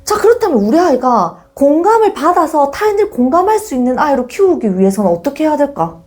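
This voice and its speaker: A woman's voice: sits high, quick pace, soft background music. A middle-aged woman giving an informal parenting lecture, telling stories expressively and acting out the examples. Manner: expressive storytelling, acts out examples.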